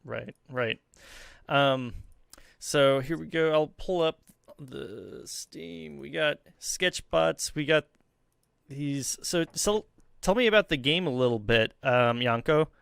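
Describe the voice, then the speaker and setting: A man's voice: a little high, creaky, fairly bright tone, smooth, no room sound, studio quality. A man hosting a casual interview, chatty and a bit apologetic. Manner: chatty, apologetic, quick laughs. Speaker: host.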